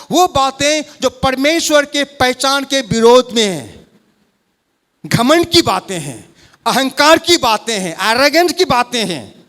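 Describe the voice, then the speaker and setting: A man's voice: extremely high pitch, fairly bright tone. A middle-aged man preaching a fervent sermon as pastor in a church hall, speaking English words with an Indian accent and calling on the congregation to repeat after him.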